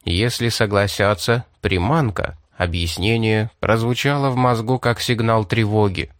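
A man reading a science-fiction chapter aloud as an audiobook narrator, in an even, measured manner. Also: lowish voice, dry recording, clean studio sound. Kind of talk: scripted narration.

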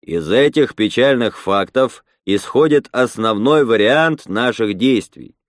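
A man reading a story, voicing a male leader who gives a deliberate, measured speech. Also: medium pitch, animated, no echo, studio quality, close to an everyday voice. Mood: grave. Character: male rebel leader Roman, grave measured orator.

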